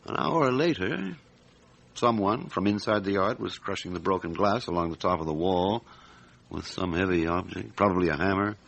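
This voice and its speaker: A man playing a calm, middle-aged French police chief inspector in a radio drama, speaking in a measured, deliberate, matter-of-fact way. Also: deep voice, gravelly, heavily acted. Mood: deliberate reporting.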